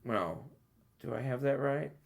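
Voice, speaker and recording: A man's voice: medium pitch, animated, a little slow, vocal fry. A man in his thirties hosting a podcast, chatting casually and enthusiastically about childhood toys, rambling with fillers. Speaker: podcast host. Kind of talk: casual chat.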